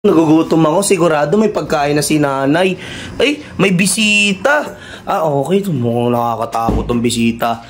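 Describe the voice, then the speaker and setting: A man's voice: a little high, expressive, normal speed. A man acting, saying "boss" in nearly every line, mock-polite and then swearing. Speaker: comedy skit creator. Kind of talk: comedic skit acting.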